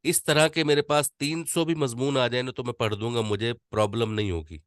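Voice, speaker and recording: A man teaching an online voice-over class, demonstrating slow readings with deliberate pauses. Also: mid-range voice, clear, resonant tone, dry recording.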